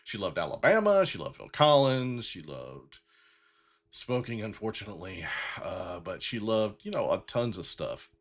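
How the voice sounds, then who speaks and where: A bald-headed podcast host in his fifties gives a heartfelt solo talk on his own show, growing emotional as he speaks. His voice is on the low side with big pitch swings, and he rambles sincerely with many fillers and restarts.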